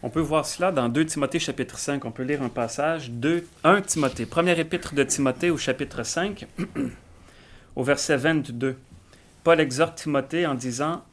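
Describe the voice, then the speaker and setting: A man, reading Bible verses slowly and thinking aloud with some hesitation as he explains them. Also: on the high side. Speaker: Bible discussion speaker. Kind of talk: conversational Bible teaching.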